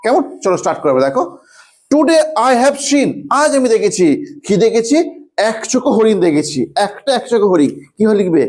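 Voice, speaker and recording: A male English grammar teacher giving an online class, coaxing students with questions and repeating phrases slowly as he writes. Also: high voice, big pitch swings, a little mellow. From West Bengal, India. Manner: repeats phrases slowly while writing on a board.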